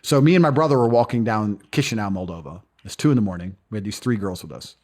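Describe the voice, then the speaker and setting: A man telling stories in a casual interview, blunt and profane. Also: fairly low pitch. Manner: fast, animated, profane storytelling. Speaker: guest.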